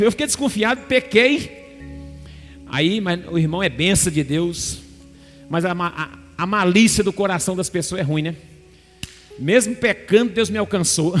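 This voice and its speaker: A male pastor with a high voice preaches in a large church. He tells his story with animation and acts out the lines of the people in it. His voice carries a long reverb, and soft music plays underneath. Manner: animated storytelling, acting out dialogue. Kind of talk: sermon with personal testimony.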